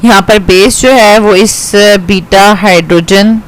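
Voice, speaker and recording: Speaking slowly in a mid-range voice, a woman with a Pakistani accent teaches chemistry, carefully working through a reaction in steps. She repeats "ठीक है" to make sure students follow and mixes in English, though the audio is poor.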